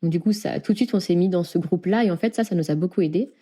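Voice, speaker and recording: Fast-talking woman, dark voice. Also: on the low side. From France. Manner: chatty, many fillers, laughs often. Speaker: guest. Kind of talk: casual interview chat.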